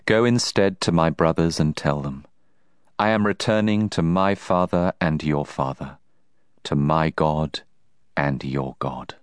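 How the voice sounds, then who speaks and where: Brief: a man doing a solemn, gentle Jesus, very low, slow and unhurried, dry close sound. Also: smooth, no room sound. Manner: slow, grave and soft-spoken. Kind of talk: dramatized scripture reading.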